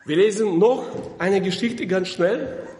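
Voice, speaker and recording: High-voiced, slow-talking preacher in a hall. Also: male voice, a little mellow. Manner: emphatic, repeats words, stumbles. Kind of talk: sermon with Bible reading.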